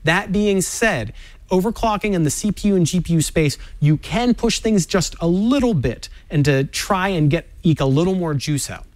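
A man's voice: high voice, animated, moderate pace. A man explaining how to overclock a graphics card in a cautionary, instructive way. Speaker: tech demo guest explaining overclocking. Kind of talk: explanatory studio segment.

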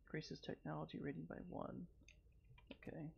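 A man giving relaxed, wry commentary while playing a video game on stream, recorded on a dull lo-fi mic. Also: a little high, moderate pace, creaky, a little hiss or hum. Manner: relaxed, wry asides while reading menus. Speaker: let's play streamer. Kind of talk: casual gameplay commentary.

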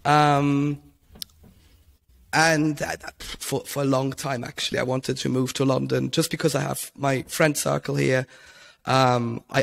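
A young man from Switzerland tells his story in a relaxed podcast interview, circling back with ums and restarts. His voice sits a touch high with a gravelly, creaky texture. He speaks into a headset mic from a room at home. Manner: rambling, many ums and restarts. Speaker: podcast guest. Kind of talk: casual interview talk.

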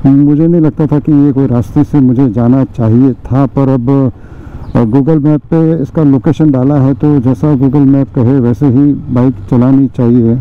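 His voice is mid-range, clear and resonant, with fairly even intonation and a measured pace. The motovlogger, in his forties, chats casually to viewers as friends while riding city and village roads, using many fillers. The audio comes from a helmet or bike-mounted action camera mic, dull and lo-fi, with faint traffic and road noise.

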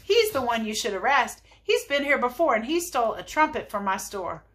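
A woman's voice: on the high side, very animated, a little fast, a bit bright. A woman voicing an indignant, greedy male storekeeper in a storybook reading. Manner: protesting, insistent.

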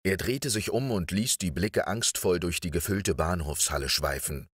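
Male audiobook narrator, deep, calm bedtime reading, very dry. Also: slightly rough, dry recording. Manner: measured, calm.

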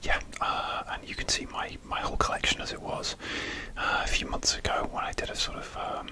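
A man speaking in a steady unvoiced whisper, rambling with many fillers and restarts as he hosts his ASMR video. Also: brisk, poor audio. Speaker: ASMR creator.

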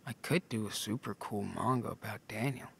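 A man playing a weary, protective teenage big brother in a video game, muttering casually in slang with a gravelly voice. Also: on the low side, moderate pace. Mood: fed up. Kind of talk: naturalistic video game acting.

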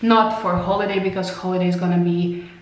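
Her voice sits on the low side, fairly quick and fairly even in intonation. She's a young non-native English speaker filming a casual vlog in a tiled hotel bathroom, chatting to a handheld camera at arm's length, laughing a lot while losing her voice. The tiled room makes the recording echoey.

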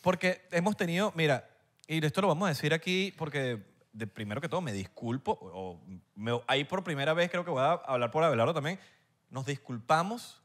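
Un hombre con acento venezolano que conduce un pódcast en charla casual, en tono juguetón y burlón. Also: male voice, fairly high pitch, expressive, a little fast, a bit bright. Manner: playful, teasing, dramatizes on purpose. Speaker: podcast host. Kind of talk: casual podcast chat.

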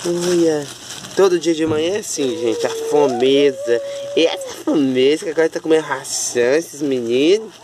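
A Brazilian woman coos at her puppies in high, sing-song baby talk. Her lower speaking voice leaps into squeaky highs and back down. Steady background noise sits under the recording. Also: moderate pace. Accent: Brazilian Portuguese. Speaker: pet vlogger. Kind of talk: casual chat with puppies.

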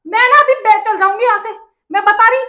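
High, bright-voiced insistent woman. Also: a little fast. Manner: insistent and indignant, repeating demands. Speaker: wife being pranked. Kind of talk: heated domestic argument. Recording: echoey room.

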